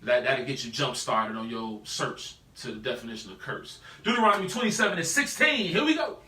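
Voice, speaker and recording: A man's voice: medium pitch, a little fast, roomy sound, recorded from a distance. A man teaching a live Bible study in a casual, slangy way, constantly asking "right?" to his listeners. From United States. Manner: animated, peppers talk with rhetorical "right?".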